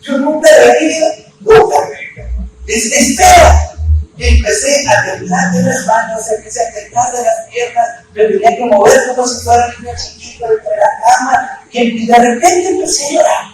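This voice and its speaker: A man preaching a sermon, telling a story in an animated way and shouting at emotional peaks. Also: extremely high pitch, moderate pace. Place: church. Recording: echoey church hall, distant mic, room noise.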